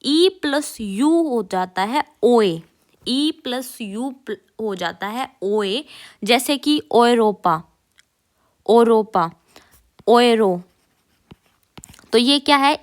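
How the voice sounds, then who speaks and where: A woman, teaching a casual lesson and repeating each sound slowly and clearly for learners. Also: fairly high pitch, expressive. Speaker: German teacher.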